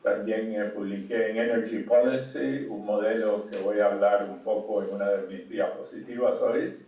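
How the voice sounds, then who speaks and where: An older man from Cuba giving a conference talk over a video call, halting with many fillers and restarts. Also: fairly low pitch, fairly even intonation. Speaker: conference speaker. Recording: distant, dull, echoey call audio.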